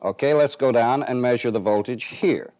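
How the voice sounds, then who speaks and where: This instructor, an American man, delivers a methodical technical demonstration one step at a time, explaining everything plainly. His voice is medium in pitch and his pace moderate. It's heard through the dull, band-limited sound of a 1970s training film.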